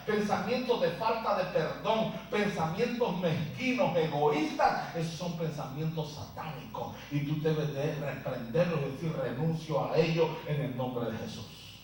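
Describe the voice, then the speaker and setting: High-voiced preaching man in echoey church. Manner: emphatic, repetitive preaching. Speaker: pastor. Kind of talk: sermon. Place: church sanctuary. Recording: echoey hall from far off with faint music.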